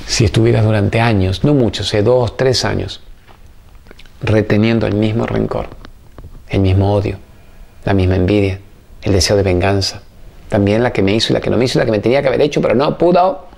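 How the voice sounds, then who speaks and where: A middle-aged man with an Argentine accent, hosting a motivational talk for a studio audience and telling stories that alternate fast bursts with slow, emphatic phrases. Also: on the low side, vocal fry, a little mellow, slight background noise. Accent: Argentine Spanish. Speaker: TV host.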